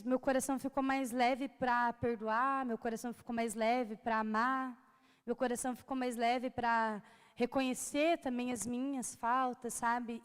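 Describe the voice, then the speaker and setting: A woman's voice: high-pitched, in a large hall. A young woman with a Brazilian Portuguese accent giving a personal testimony in church, earnest and conversational, laughing often between phrases.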